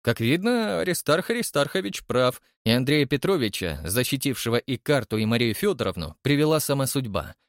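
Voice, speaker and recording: A man's voice: medium pitch, sing-song, a little fast, hardly any pauses, no echo, clean studio sound. A man voicing a stocky retired military man who speaks in a matter-of-fact, persuasive way. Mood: resigned.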